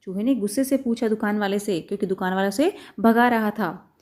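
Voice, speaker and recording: A woman teacher reads a children's story in a mid-pitched voice. She pauses after each passage to retell it in plain, conversational words, with easy fillers and asides. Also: a little mellow. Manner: reads, then retells each part in simple chatty words. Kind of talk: reading a story aloud and explaining it.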